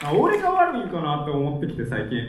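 A man's voice: a little high, wildly swooping pitch, quick pace, very noisy. A young man with a Kansai accent, a band frontman talking loosely and earnestly to a concert crowd between songs. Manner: loose, earnest, chuckling asides. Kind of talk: onstage concert talk. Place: large live music hall. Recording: echoey live hall.

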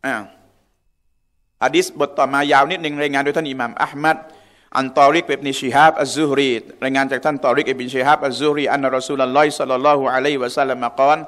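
A man's voice: mid-range voice, little pitch movement, fast, fairly bright tone. A man giving a conversational religious lecture in a mosque, often asking the audience questions. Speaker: religious teacher.

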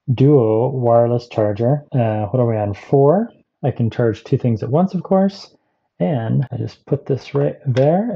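Guy with a super mellow dark voice rambling thru a gadget review vlog, kinda muffled sound. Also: mid-range voice, breathy edge. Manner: chatty and rambling, with asides.

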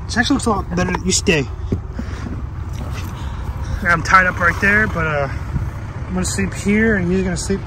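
A young man with a fairly high voice talks to his camera from inside a car, tired and rambling, swearing as he goes. The mic sits back from him and road noise runs clearly underneath. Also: moderate pace, pauses often, recorded from a distance. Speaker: vlogger. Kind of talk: casual vlog talk.

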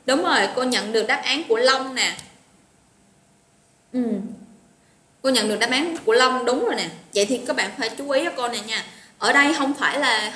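A woman's voice: fairly high pitch, fairly bright tone. A woman teaching an English vocabulary lesson online, chatty and encouraging, greeting students by name. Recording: roomy echo with faint noise.

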